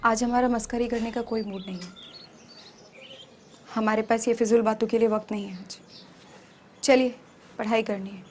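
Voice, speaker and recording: A young actress playing a frightened tutor haunted by a spirit in a horror drama, speaking earnestly and formally. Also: female voice, on the high side, steady tone, normal speed, pauses often, darkish tone, slight background noise, natural voice. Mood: firm.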